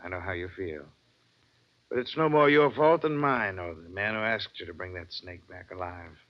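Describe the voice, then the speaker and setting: An actor playing a weary, fatherly older ship's captain in an old radio drama, calm and reassuring. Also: deep voice, normal speed, close to an everyday voice. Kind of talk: 1950s radio drama acting. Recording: dull old radio recording.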